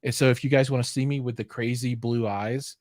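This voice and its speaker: A middle-aged host drifts through his stories with plenty of fillers, poking fun at himself as he goes. His voice sits at an ordinary pitch. The sound is close and dry. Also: fairly even intonation, brisk, a little mellow, no echo. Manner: rambling, self-deprecating, many fillers and restarts. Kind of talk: casual live-stream chat.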